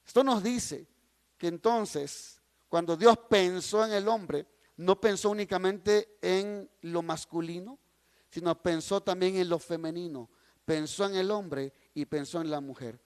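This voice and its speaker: A man's voice: high-pitched, measured pace, big-room sound. A man teaching a Bible class, reading scripture aloud and explaining it with repeated, emphatic phrases while addressing the listeners directly.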